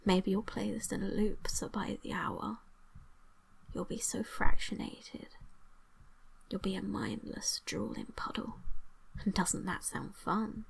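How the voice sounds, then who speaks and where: This is an ASMR hypnosis session from a woman with a mid-range voice, recorded at low quality. Whispering breathily near the microphone, she coaxes the listener with repetitive suggestions and drawn-out pauses.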